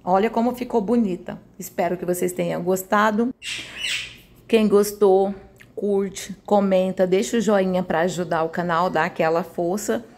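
A medium-pitched Brazilian woman, a home cooking video host, talks through a recipe at normal speed with fairly even intonation and a darkish tone. A faint hiss or hum sits under her casual, cozy voice-over, which is dotted with tag questions.

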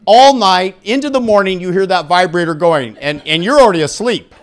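A higher-voiced man gives a frank, informal live lecture on sexual health at a conference, jokey and candid with lively intonation and a brisk pace. He uses a handheld microphone in an indoor conference room before a seated audience, with slight background noise.

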